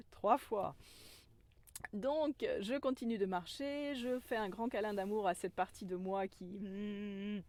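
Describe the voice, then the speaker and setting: Gentle woman telling a spiritual story. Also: mid-range voice. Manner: gentle, earnest storytelling with soft laughs. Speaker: spiritual guide, self-described medicine woman.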